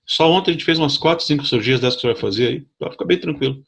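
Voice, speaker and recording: A man voicing a calm, middle-aged woman nurse who soothes a nervous patient in a matter-of-fact way. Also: fairly high pitch, rapid-fire, vocal fry, husky, pitched above the performer's own voice, exaggerated voice. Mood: reassuring.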